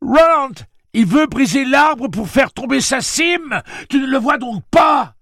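A terrified young woman cries out in a very high, straining voice, put on by a male narrator. Her shouts are frantic and desperate, with a husky grain, recorded close and dry. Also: animated, takes it slowly, dry recording, heavily acted. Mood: panicked. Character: panicked young woman gunslinger companion.

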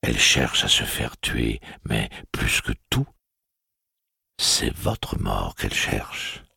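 Man doing a slow, velvety, stern gunslinger. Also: big pitch swings, creaky, bright, forceful tone, husky, no echo, studio quality, exaggerated voice. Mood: cold resolve. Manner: slow, low, velvety and measured. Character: weary, stern male gunslinger, calm and cold.

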